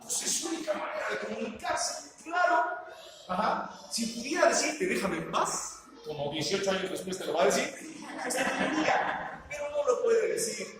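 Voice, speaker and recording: A man with a Mexican accent lectures to a live audience in a high voice, peppering his points with rhetorical questions and acting out what parents say. He sounds as if he is in a large, reverberant hall. Steady background noise sits under his voice. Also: a little fast. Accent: Mexican Spanish. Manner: rhetorical, seeks agreement with tag questions; acts out quoted parents.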